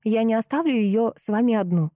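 A woman's voice: fairly high pitch, brisk, mellow, no echo, clean studio sound, pitched above the performer's own voice, close to an everyday voice. A woman voicing a timid young assistant whose voice trembles but who stands firm. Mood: shaky defiant. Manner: shaky, trembling voice.

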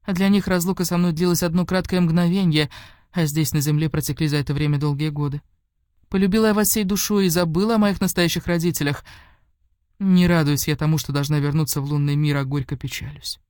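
A woman reading an audiobook, voicing a gentle young moon maiden who speaks tenderly and soothingly. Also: low-pitched, fairly even intonation, fairly quick, dry recording, clean studio sound, lightly acted. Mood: sorrowful.

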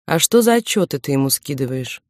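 A woman doing a soft-spoken, possessive young lover. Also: low-pitched, lively intonation, a little fast, no room sound, clean studio sound, voice pushed down. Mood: gentle probing. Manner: careful, soft-spoken, self-assured. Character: confident possessive young man, gentle lover.

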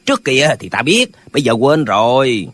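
A man voicing a band of quarrelsome, pedantic old martial-arts brothers in an audiobook, with a husky voice. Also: medium pitch, big pitch swings, normal speed, a bit bright, no room sound. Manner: bickering, pedantic, squabbling.

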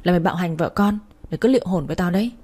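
A woman's voice: lowish voice, rapid-fire, darkish tone, lightly acted. A woman voicing a coarse, blunt neighbor woman who scolds hard. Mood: angry. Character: foul-mouthed tough older woman neighbor.

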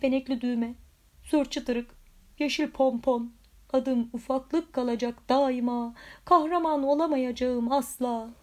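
A woman's voice: high-pitched, fairly even intonation, measured pace. Storybook role: tiny, brave, boastful frog knight, raised and blustering; a woman reader voices him. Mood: self-pitying. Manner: blustering, shouting threats.

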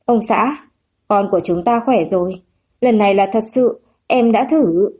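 A woman narrator voicing a gentle middle-aged mother who speaks softly and tenderly to her son. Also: mid-range voice, measured pace, slightly rough. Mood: joyful. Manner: soft and tender.

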